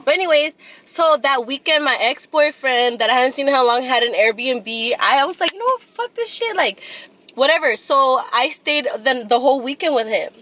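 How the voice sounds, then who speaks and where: A woman's voice: high voice, animated, normal speed, bright, forceful tone, a little hiss or hum. A woman in her twenties casually telling a long personal story, blunt and profane. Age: 20s.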